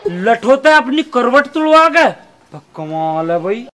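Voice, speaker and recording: An actor playing a cocky, greedy police informer who talks in a cheeky, teasing rustic way in a comic sketch. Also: male voice, very high-pitched, big pitch swings, slow, over loud music, exaggerated voice. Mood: mocking.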